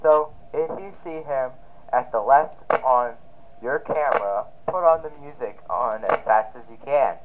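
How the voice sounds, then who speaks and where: A man voicing a friendly phone guy in a game, heard over a phone line, giving casual, halting warnings. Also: medium pitch. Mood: advising.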